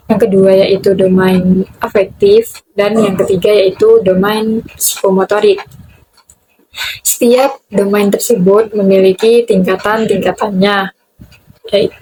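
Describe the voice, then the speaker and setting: A young woman presents a prepared lesson for her university class, reading carefully in a measured, even way. Now and then she stumbles and restarts a word. A faint noise sits under her voice. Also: medium pitch, rough recording. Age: young adult. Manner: measured, reads from a script with occasional slips and restarts.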